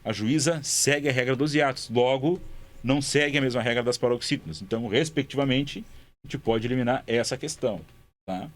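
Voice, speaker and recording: A man's voice: medium pitch, brisk. Man teaching grammar step by step. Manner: step-by-step, repeats words and checks in with "tá?". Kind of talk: explaining grammar exercises at a board.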